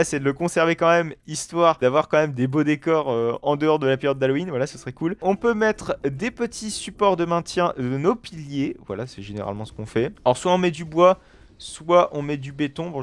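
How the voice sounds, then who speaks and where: A man talks through his building session in a game, explaining each choice as he goes. He keeps it chatty and loose, tossing in playful little sound effects between steps. His voice sits at an ordinary middle pitch, recorded close on a desk microphone. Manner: chatty, self-narrating, fills with "voilà" and playful "hop hop" and "bam" sounds. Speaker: gaming video creator. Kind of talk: let's play commentary while building.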